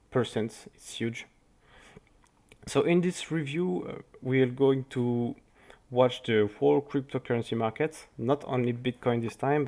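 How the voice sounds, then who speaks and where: A man with a French accent talks through market charts in his second language. His pitch sits mid-range for a man, and he speaks carefully, stopping to restart words and phrases as he goes. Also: darkish tone. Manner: careful, halting speech with restarts. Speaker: crypto market analyst. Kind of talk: scripted market review over charts.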